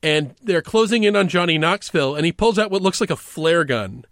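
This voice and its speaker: A man co-hosting a casual movie review podcast, animated and jokey, swearing freely. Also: a little high, fairly quick.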